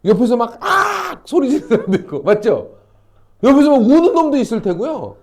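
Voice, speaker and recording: A male academy teacher lecturing high school students, animated and constantly checking in with questions. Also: quick pace. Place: classroom.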